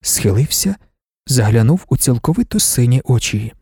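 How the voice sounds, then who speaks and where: A man reads an audiobook in an even, unhurried way, at a mid pitch. His tone is dark and mellow. The sound is dry and close to the mic. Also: husky, no room sound. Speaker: audiobook narrator. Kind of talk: scripted narration.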